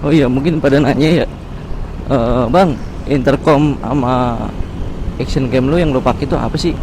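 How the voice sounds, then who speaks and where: A motovlogger with a Jakarta Indonesian accent talks to viewers in informal slang while riding his motorbike on city roads, his voice medium in pitch and normal in speed. Music plays behind him along with outdoor road and vehicle sounds.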